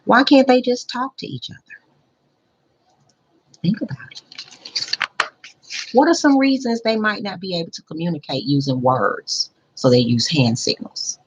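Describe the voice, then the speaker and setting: Acting as a school principal, a woman reads a children's picture book aloud, pausing to explain things and ask the young listeners questions. Her voice is on the low side and slightly rough, with lo-fi sound.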